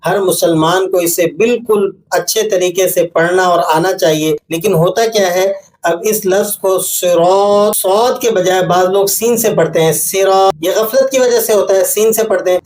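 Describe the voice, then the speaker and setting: A man teaching correct Quranic pronunciation in a patient, corrective way, demonstrating words slowly. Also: high voice, darkish tone, a little hiss or hum. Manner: patient, corrective explaining, with slow demonstrated examples. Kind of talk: instructional tajweed lesson.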